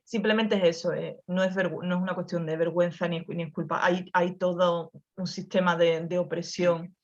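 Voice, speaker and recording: Low flat-voiced Andalusian woman on a call. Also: moderate pace. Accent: softened Andalusian. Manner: reflective, many restarts and tag questions. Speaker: guest author. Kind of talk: conversational talk over video call. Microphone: video call. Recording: lo-fi video call audio.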